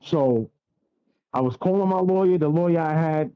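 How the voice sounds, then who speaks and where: A man's voice: fairly high pitch, moderate pace, clean tone, dull audio. A man, telling a blunt, profane story as a guest on a radio interview. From Staten Island, New York.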